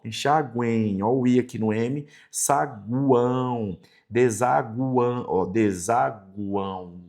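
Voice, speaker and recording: A man's voice: mid-range voice, creaky. A Brazilian man teaching a Portuguese grammar lesson for exam prep, stretching out example words and checking in with the class. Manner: lively, drawn-out example words, frequent "tá vendo?" checks.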